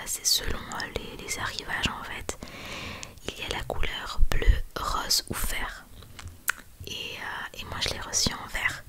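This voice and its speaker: Woman whispering softly, hushed ASMR delivery. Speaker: ASMR video creator. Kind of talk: soft whispered ASMR product haul.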